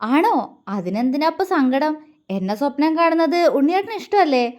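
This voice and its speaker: A woman voicing a grieving young wife who speaks softly and emotionally in an audio drama. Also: high voice, fairly quick, natural voice. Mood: tender, tearful. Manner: soft, emotional, pleading.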